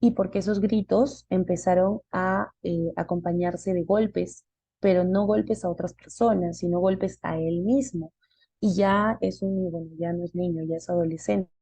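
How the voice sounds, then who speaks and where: A woman's voice: lowish voice, fairly even intonation, measured pace, dark tone, breathy edge, no echo. A woman giving a live online class, explaining step by step and posing questions she then answers herself. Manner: explanatory, asks and answers her own questions.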